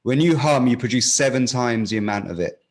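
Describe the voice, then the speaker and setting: A man teaching breathwork, giving calm step-by-step instructions and often checking in with the listener. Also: mid-range voice, fairly quick.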